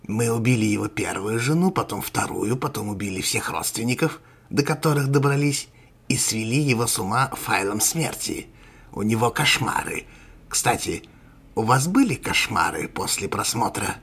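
A man puts on a crow-masked sorcerer villain for an audio story, his voice thick with gravel and grit. He speaks in a husky rasp, gloating and menacing, taking his time over every threat. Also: on the low side, expressive, moderate pace, fairly bright tone, heavily acted. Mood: gloating menace. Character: sinister male sorcerer villain in a crow mask.

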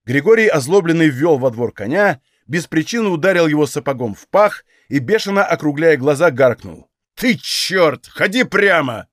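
A man reading a novel aloud as an audiobook narrator, measured storytelling. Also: on the high side, animated, dry recording, studio quality. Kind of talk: scripted narration.

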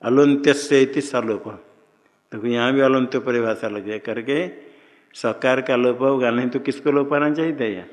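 A man teaching a Sanskrit grammar class, who keeps quizzing his students with questions. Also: medium pitch. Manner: quizzing students, slow and deliberate. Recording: long hall reverb.

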